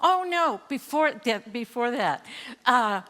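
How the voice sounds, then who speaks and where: A woman's voice: a little high, expressive, slow, fairly bright tone, long reverb tail. An older woman telling a true story live on stage, wry and laughing, often correcting herself mid-sentence. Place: theater stage before an audience.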